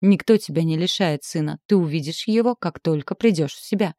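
A cold, sneering man who threatens in a calm voice, as a woman reading the story gives him a low, dark tone. His menace stays quiet and controlled, and the recording is dry and close, with no room sound. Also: brisk, no echo, close to an everyday voice.

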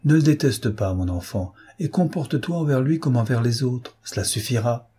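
A man voicing a gentle, tactful princess who softly admonishes a young girl in a read novel. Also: mid-range voice, lively intonation, normal speed, breathy edge.

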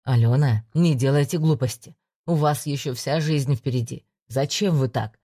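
A woman voicing a calm male police investigator who talks low, steady and coaxing in an audiobook. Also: moderate pace, slightly rough. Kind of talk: audiobook reading.

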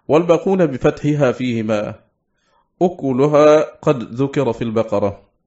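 A man reading aloud a classical text on Quranic readings for an audiobook, in a measured, formal delivery. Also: medium pitch, a little mellow, lo-fi sound. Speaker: audiobook reader.

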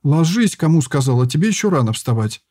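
A man voicing a bossy, quick-tempered young woman who scolds and gives orders, in a raised, husky voice. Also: a little high, sing-song, darkish tone, voice pushed up. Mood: commanding. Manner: scolding, commanding.

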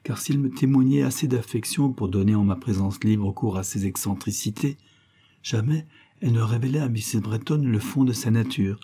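A man reading a classic novel aloud as scripted literary narration, measured and expressive. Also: on the low side, husky. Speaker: audiobook reader.

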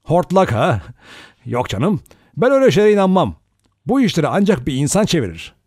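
A man reading an audiobook aloud, voicing a blunt, sardonic young man who speaks a little above his own natural pitch. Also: a little fast, slightly rough, no room sound, studio quality. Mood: wry. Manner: teasing, then grave and steady.

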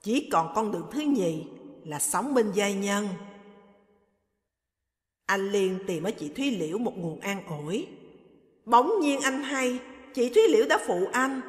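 A woman's voice: mid-range voice, lively intonation, unhurried, pauses often, natural voice. A woman voicing an earnest pleading son. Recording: echoey hall reverb.

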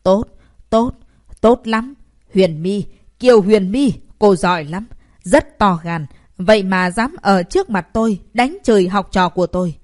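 A woman's voice: mid-range voice, measured pace, a little mellow, no echo, close to an everyday voice. Woman narrator playing an enraged elderly male master; sputtering, outraged, dry sound. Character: furious elderly male martial arts teacher.

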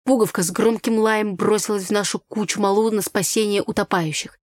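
A woman reads a first-person teen novel aloud in a lively, expressive way, close to the mic. Her voice sits in a middle pitch and the recording is dry, with no room around it. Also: brisk, no room sound. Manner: lively, acts out dialogue. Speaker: audiobook narrator.

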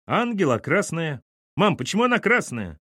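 A man's voice: on the high side, sing-song, moderate pace, fairly bright tone, slightly rough, no room sound, studio quality, voice pushed up, full character voice. A man voicing a blunt, curious boy who asks puzzled questions in an audiobook.

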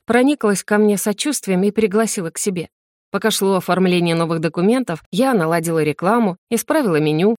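Female audiobook narrator, mid-pitched, lively first-person reading, dry close sound. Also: dry recording.

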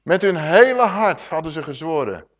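A middle-aged man preaching a lively Bible teaching, asking the congregation questions and acting out voices. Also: on the high side, normal speed. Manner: animated, rhetorical questions to the congregation, acts out voices. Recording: dull lo-fi sermon recording.

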